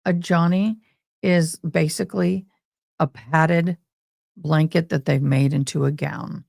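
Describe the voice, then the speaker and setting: A woman hosts a livestream with heavy, gravelly fry in her voice. She chats casually and folksily, speaking straight to her viewers. The sound is close and dry. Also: low voice, steady tone, slow, a little mellow, dry recording. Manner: folksy, talks directly to viewers with y'all. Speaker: livestream host. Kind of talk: casual livestream chat and commentary.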